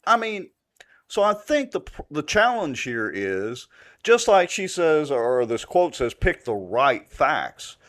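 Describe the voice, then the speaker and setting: A man's voice: fairly high pitch, very animated, takes it slowly. A man co-hosting a political talk show, blunt and opinionated.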